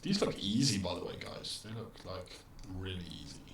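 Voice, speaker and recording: A man's voice: sits low, animated, normal speed, a bit bright, far from the mic. A man streaming a game live, chatty and thinking aloud, heard through a webcam mic that makes him sound as if he is in an echoing tunnel. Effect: echoing, tunnel-like sound from a built-in webcam mic. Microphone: built-in webcam microphone. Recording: echoey, tunnel-like room sound with faint ambient noise.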